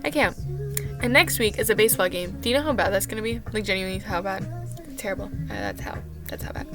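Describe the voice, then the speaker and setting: A woman's voice: medium pitch, big pitch swings, fast talker, music in the background. A young woman and camp counselor telling a casual storytime vlog, rambling and exasperated, with lots of "like". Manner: exasperated rambling rant, heavy use of "like".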